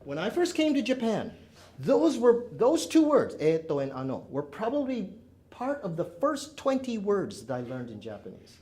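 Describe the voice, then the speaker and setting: His pitch sits high and swoops wildly, at normal speed with a darkish tone. An English teacher who moved to Canada at age nine, he directs drills with forceful instructions and curt commands in an indoor classroom, recorded roomy and distant with faint noise.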